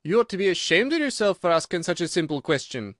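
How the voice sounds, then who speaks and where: A man voicing a brusque, bossy gryphon in a storybook, scornful and impatient, with a loud, blunt, exclamatory way of talking. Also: high voice, sing-song, fast talker, dry recording, clean studio sound, voice pushed up. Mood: impatient, scolding.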